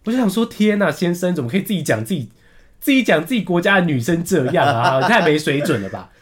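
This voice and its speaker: Animated young Taiwanese man telling a story. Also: quick pace. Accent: Taiwanese Mandarin. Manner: animated storytelling, acts out quotes with big pitch jumps. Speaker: podcast co-host. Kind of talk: casual storytelling chat.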